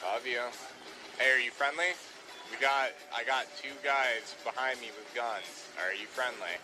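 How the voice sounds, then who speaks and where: Streaming a video game, this man stays in character and chats loosely while barking repeated, bossy commands at his squad. He has a mid-range, fairly even voice and an unhurried pace, with background noise present.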